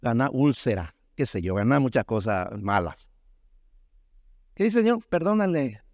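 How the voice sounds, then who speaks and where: A male pastor preaching a sermon, often calling his listeners "brother" and asking them "right?", his pitch swinging sharply up and down. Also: sing-song, moderate pace, darkish tone, no room sound, studio quality. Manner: preaching with sudden rises and drops in pitch, many rhetorical tag questions.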